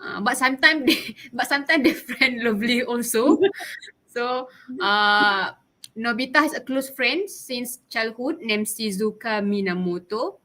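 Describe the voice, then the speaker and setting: Malaysian-accented woman in her twenties, bright voice, unhurried, giggly class presenter. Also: on the high side. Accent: Malaysian English. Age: 20s. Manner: chatty, giggly, mixes in Malay words. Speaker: student presenter.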